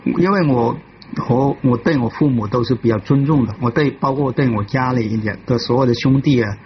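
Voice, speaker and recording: A man giving a personal testimony in a halting way, often restarting and repeating himself. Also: medium pitch, lo-fi sound, a little hiss or hum. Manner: halting, with many restarts and repetitions. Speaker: devotee telling his life story.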